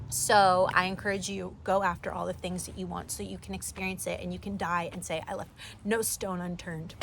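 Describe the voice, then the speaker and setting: A woman's voice: medium pitch, noisy background. A woman in her twenties hosting her own podcast, giving a rambling, earnest motivational talk full of "like" and "you know". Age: 20s. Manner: earnest, rambling, heavy use of "like". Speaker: podcast host. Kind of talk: casual motivational monologue.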